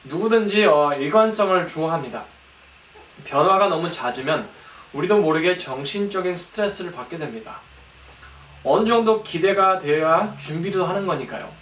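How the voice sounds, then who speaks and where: A young man gives a sermon in a slightly high voice, caught from a distance in an echoey room. His speech is halting and careful, as if following written notes, with frequent pauses. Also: animated, fairly bright tone. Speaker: preacher. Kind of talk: sermon, reading from prepared notes. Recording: echoey room, distant mic, faint noise.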